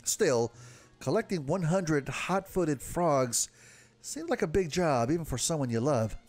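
Reading game dialogue aloud, a man voices a lovesick, nervous young village guard who keeps blurting things out and then covering them up. His voice is fairly high, animated and darkish in tone, at a measured pace.

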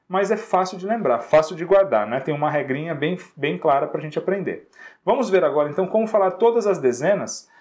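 A man's voice: a little high, darkish tone. Patient man teaching English words. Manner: patient, repeats words slowly and checks with "ok?". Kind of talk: classroom-style lesson.

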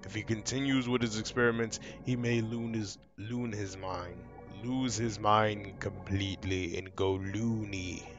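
A man voicing a solemn ancient spirit guide from a fantasy game in a grave, measured, hushed way. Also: lowish voice, fairly even intonation, highs cut off, music in the background, pitched below the performer's own voice.

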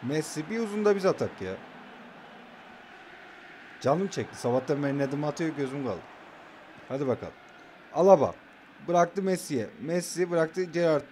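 A man's voice: fairly high pitch, expressive, moderate pace, pauses often, a little mellow, slight background noise. A young man casually commentating his own football video game match, calling out passes and trash-talking his opponent.

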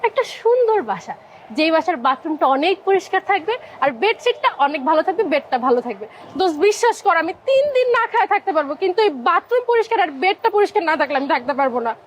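A woman's voice: very high-pitched, big pitch swings, a little hiss or hum. A pushy, teasing young woman. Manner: insistent, teasing, quick to mock. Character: pushy young woman demanding a clean rented flat. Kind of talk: TV comedy drama acting.

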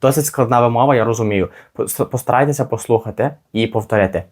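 Husky-voiced male English teacher. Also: medium pitch, darkish tone. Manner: slow, careful model phrases for repeating. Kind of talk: spoken language lesson.

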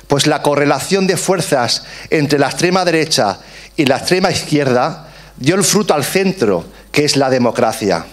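A man in his forties reading a prepared, emphatic testimony aloud at a book presentation. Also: on the high side. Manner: earnest, emphatic, slogan-like closing.

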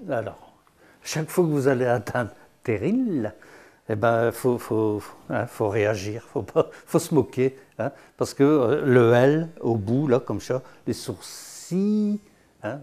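Older man, slow, chatty patois teacher. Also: medium pitch, dark tone. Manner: chatty, teasing, full of asides and laughs. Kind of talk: folksy dialect lesson.

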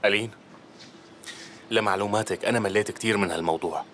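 Actor as a low-voiced, weary man. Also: fairly even intonation, quick pace, a bit bright, a little hiss or hum, natural voice. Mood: weary, irritated. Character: weary, irritated man fed up with his partner. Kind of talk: dubbed TV drama acting.

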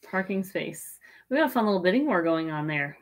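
Speaking a little fast in a lowish, animated voice, this woman in her thirties co-hosts an online auction by webcam. The livestream chat is casual; she's chatty and giggly as she checks messages in a small room decorated with tiki items.

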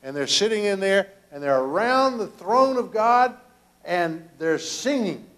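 An older man, a pastor, gently questioning children during a children's sermon in a church sanctuary. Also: high-pitched, animated, a little slow. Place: church sanctuary, children seated around him.

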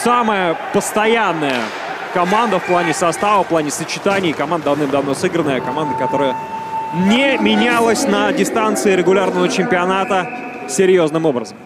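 A man giving an excited hockey goal call as play-by-play commentator, exclaiming and repeating key calls. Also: sits high, a little fast. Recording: loud arena noise and crowd behind. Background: ice hockey arena crowd noise.

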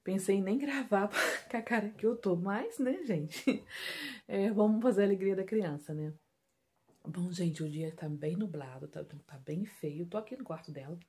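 Hushed Brazilian woman vlogging at home. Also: mid-range voice, normal speed. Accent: Brazilian Portuguese. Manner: speaking softly and hushed, chatty asides to viewers. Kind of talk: casual home vlog. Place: indoors at home, bedroom and bathroom.

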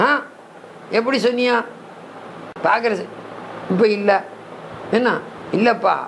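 A man preaching a devotional sermon, his voice pitched high with a gravelly, creaky edge. He tells his stories at length and puts questions to his listeners, then answers them himself. Faint noise sits under the recording. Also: slow pace, rough recording. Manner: storytelling, acts out dialogues and drills questions. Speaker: Sufi shaikh giving a Ramadan discourse.

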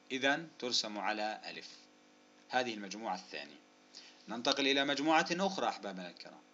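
A male teacher giving a recorded spelling lesson, drawing out each example word slowly, then explaining the rule briskly and asking and answering his own questions. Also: mid-range voice, sharp tone, a little hiss or hum. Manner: addresses listeners as dear loved ones, asks and answers his own questions. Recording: dull lo-fi recording.

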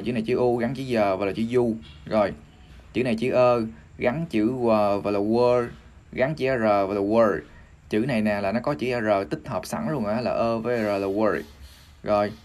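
A man with a Vietnamese accent teaching English pronunciation on a livestream, spelling out sounds one by one and repeating each word slowly. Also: fairly low pitch, darkish tone. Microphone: phone or desk mic on a livestream.

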